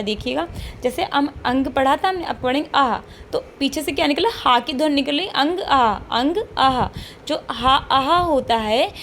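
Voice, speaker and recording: A woman's voice: high voice, a little hiss or hum. A woman teaching an online class, explaining step by step and repeating key points with frequent checks and rhetorical questions.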